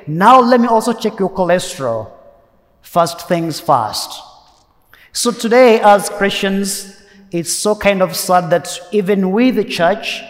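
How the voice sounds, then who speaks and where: A man with a high-pitched voice preaches a Sunday homily in a large church. His delivery is earnest and emphatic, and he circles back to key phrases. A long cathedral echo trails after each line. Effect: cathedral echo, long church reverb. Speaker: priest.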